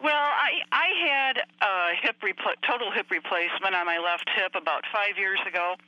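A woman in her sixties calling in over a landline phone. Her voice is very bright and sharp, and she talks in a chatty, matter-of-fact way. The sound is dry and close, with no room around it. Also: mid-range voice, normal speed, dry recording, lo-fi sound. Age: 60s. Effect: over a landline rotary phone. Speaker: caller. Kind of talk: call-in conversation.

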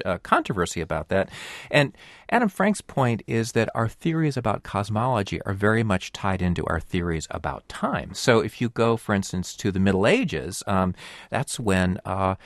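A man's voice: on the low side, creaky, no echo, studio quality. A man discussing books on a radio show, explaining in a thoughtful, hesitant way. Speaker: book reviewer guest.

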